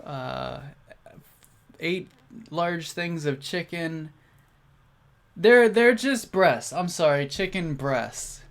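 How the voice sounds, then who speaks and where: A young man rambles through casual chat on a live stream at home, restarting his sentences and filling gaps with ums. He talks through a mouthful of food. His voice sits a little high, and he takes his time. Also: expressive, drawn-out words, vocal fry, long pauses, a bit bright. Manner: rambling, chatty, many fillers and restarts. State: talking with his mouth full.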